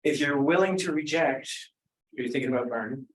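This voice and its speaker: A man's voice: medium pitch, moderate pace, low-quality recording. A man giving a philosophy talk and answering questions, thinking aloud with frequent restarts. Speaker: speaker. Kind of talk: academic talk and Q&A.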